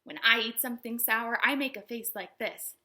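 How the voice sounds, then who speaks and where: Speaking slightly high at an ordinary pace, this storytime host and children's librarian teaches little ones in plain language. She's animated and sing-song, often turning to her young audience with questions.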